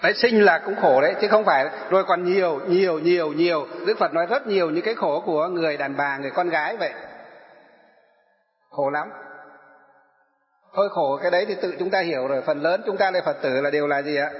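A Buddhist monk gives a dharma talk to elderly followers, asking them questions and answering them himself. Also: male voice, on the high side, brisk, soft background music. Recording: echoey hall, dull sound.

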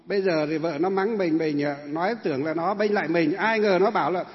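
High-voiced monk preaching in a hall. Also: male voice, brisk. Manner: conversational, asks the audience questions, acts out family quarrels. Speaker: Buddhist monk. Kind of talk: dharma talk sermon. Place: large hall with an audience. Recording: dull echoey hall recording.

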